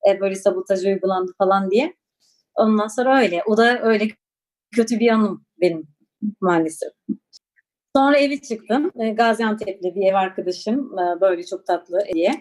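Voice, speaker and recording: A woman's voice: medium pitch, moderate pace, a little mellow. A woman in her forties from Turkey, recalling her past in an interview with a reflective, hesitant manner and many fillers. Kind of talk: personal recollection.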